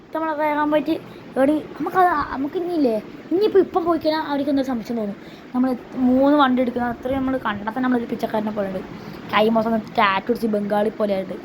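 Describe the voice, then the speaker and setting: A woman who hosts a gaming channel chats casually as she plays, often repeating herself and addressing viewers in slang. Her voice is high, her intonation fairly even, and she talks fast over background noise.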